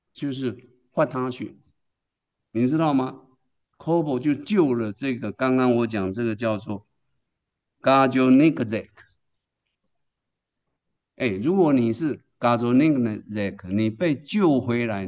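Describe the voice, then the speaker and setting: A man's voice: medium pitch, unhurried, pauses often, darkish tone. Emphatic male preacher asking questions. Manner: asks the congregation rhetorical questions and answers them; emphatic, storytelling delivery. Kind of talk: sermon.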